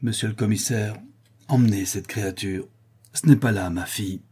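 A man reading aloud and voicing a distraught, pleading working-class father with a husky, raised voice. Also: medium pitch, expressive, normal speed, dark tone, pitched above the performer's own voice. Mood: bitter.

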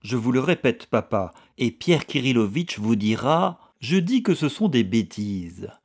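A man voicing a timid young son who begs to become a soldier, in an audiobook reading, with halting, pleading speech. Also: medium pitch, very animated, darkish tone, husky, heavily acted.

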